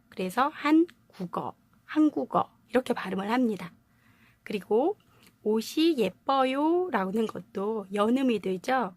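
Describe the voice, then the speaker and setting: A higher-pitched woman teaching pronunciation. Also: no echo. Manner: friendly, explanatory, asks rhetorical questions. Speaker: Korean language teacher. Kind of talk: video lesson to camera.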